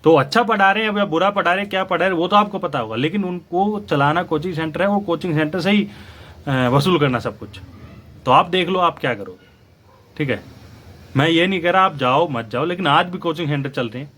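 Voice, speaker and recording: A man's voice: on the high side, brisk, a bit bright. A young man giving opinionated, lecturing commentary straight to his viewers as a news channel host. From India. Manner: lecturing, argumentative, addresses viewers directly.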